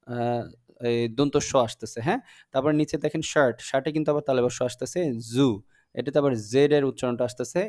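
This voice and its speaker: A young man teaching a class, explaining sounds patiently and repeating them slowly for drilling. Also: medium pitch, a little mellow, dry recording, clean studio sound.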